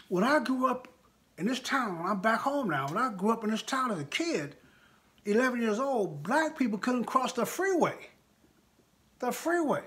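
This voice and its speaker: Speaking to live viewers, this American live stream host and political speaker in his sixties is informal yet passionate, hammering points home and repeating phrases for effect. His voice is very high-pitched and a bit bright.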